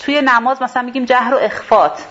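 A woman's voice: a little high, steady tone, crowd noise. Woman teaching scripture, lo-fi room. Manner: explains step by step, rephrasing terms. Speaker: Quran teacher. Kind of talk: religious class explaining a verse. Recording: dull lo-fi sound with faint hiss.

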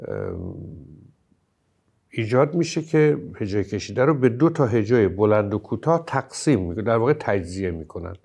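Low-voiced male lecturer, patient explainer who leans on example syllables. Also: creaky, a little mellow. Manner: explanatory, stresses example syllables with hesitant fillers. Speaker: teacher of Persian poetry. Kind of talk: lecture on poetic meter.

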